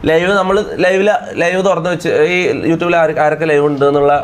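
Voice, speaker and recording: A man's voice: fairly high pitch, fairly even intonation, brisk, noisy background. A man, ranting at his live-stream chat in an irritated, lecturing way and repeating himself. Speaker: livestreamer.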